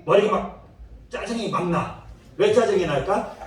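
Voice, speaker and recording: A man's voice: high-pitched, expressive, unhurried, crowd noise. A man giving a playful children's sermon, telling the story with acted-out voices and questions for the kids. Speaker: children's ministry preacher. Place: church worship room. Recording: very echoey room, mic far off.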